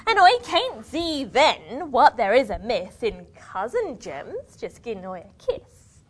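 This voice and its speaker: A woman's voice: on the high side, big pitch swings, husky, heavily acted. A woman playing a teasing young girl, reciting a dialect verse dialogue with a playful, scolding manner. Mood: defensive. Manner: playful, scolding, quick to laugh. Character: young country girl sweetheart, pert and teasing.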